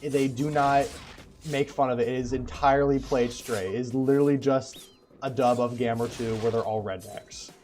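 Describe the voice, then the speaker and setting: A man's voice: medium pitch, fairly even intonation, normal speed, a little mellow, soft background music. A man co-hosting a casual gaming chat, loose and joking, often swearing. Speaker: co-host.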